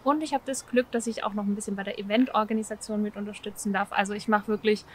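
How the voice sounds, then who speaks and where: A woman in her late thirties, a volunteer project organizer, talking to an interviewer outdoors on a park bench in a relaxed, chatty way with plenty of soft fillers. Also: medium pitch, quick pace, a little hiss or hum. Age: 30s. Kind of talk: interview answers to camera.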